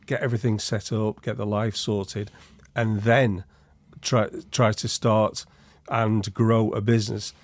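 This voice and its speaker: A man talking in a relaxed business conversation, measured and reflective, often saying "you know". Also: lowish voice, no echo. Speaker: business advisor in a review chat. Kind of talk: casual conversational chat.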